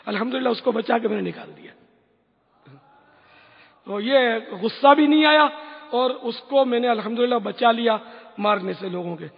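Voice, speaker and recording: High husky guy telling stories in a religious q&a, echoey hall. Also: pauses often, dull audio. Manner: storytelling, earnest exclamations. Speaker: religious scholar answering questions. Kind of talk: religious question-and-answer talk.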